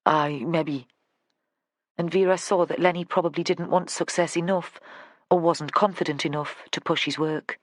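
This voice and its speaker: Brief: even, unhurried crime-novel narrator, close mic, dead-dry sound. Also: medium pitch, dry recording. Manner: steady, even storytelling. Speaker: audiobook narrator. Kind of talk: scripted narration.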